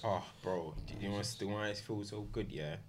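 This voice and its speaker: A man's voice: lowish voice, brisk, over music. A man with a London accent in casual sports chat, talking in roadman slang and repeating phrases for emphasis. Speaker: regular sports pundit.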